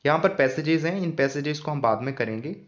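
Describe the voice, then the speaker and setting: A man's voice: on the high side, animated, fast talker. Patient man teaching English grammar. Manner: patient, repeats key points as questions. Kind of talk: explaining an English grammar lesson. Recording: dull lo-fi sound.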